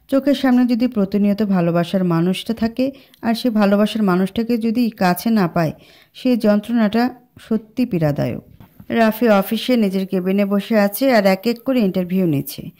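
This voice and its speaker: Mellow woman narrating a love story. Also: medium pitch, normal speed. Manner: steady, dramatic storytelling.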